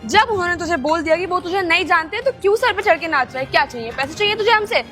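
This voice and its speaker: A woman's voice: extremely high pitch, animated, fast talker, bright, forceful tone, soft background music, exaggerated voice. A woman playing a sneering rich sister. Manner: sneering, rude. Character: spoiled rich younger sister, sneering and rude. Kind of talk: amateur skit acting.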